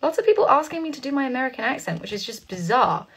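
A woman's voice: high-pitched, big pitch swings, fast talker, breathy edge. A young English woman chatting on a phone livestream from her room, rambling, laughing often and reading viewer questions aloud. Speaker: singer hosting a live stream. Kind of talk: casual chat.

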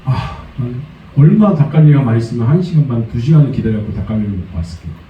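A pastor preaching a Sunday sermon, lively, slipping into high acted voices for quoted complaints. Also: male voice, very fast. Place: church sanctuary. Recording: dull, echoey church sound from a distance.

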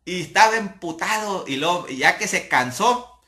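A young man with a Mexican accent tells a story in a loose, casual way, swearing constantly and laughing along. His voice sits a little high and rings very bright and sharp. The storytelling is animated and profane. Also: normal speed. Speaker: comedian telling an anecdote.

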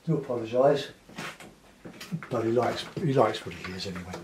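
A man in his sixties with a South London accent, giving an unhurried, casual commentary as he demonstrates painting, pausing and half talking to himself. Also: on the low side, expressive, heavy background noise. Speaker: painting tutor. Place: small cluttered home studio, indoors.

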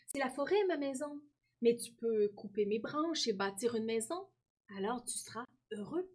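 A woman voicing a tender, self-giving old apple tree in a storybook reading, in a soft, high, gentle way. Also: expressive, normal speed. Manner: pleading, fond storybook reading.

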